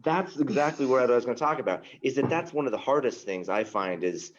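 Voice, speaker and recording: A man tour guide in a round-table chat, thoughtful and self-deprecating, often pausing on fillers. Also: mid-range voice, animated, dull audio.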